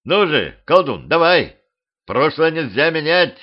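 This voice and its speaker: A man voicing a confident middle-aged colonel with a brisk, commanding manner. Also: on the high side, very animated, dull audio, pitched above the performer's own voice.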